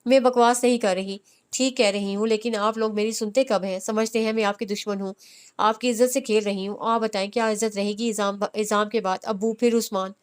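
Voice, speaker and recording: A woman reading a fiery, defiant young woman with a sharp, confrontational delivery. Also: mid-range voice, steady tone, smooth, close to an everyday voice.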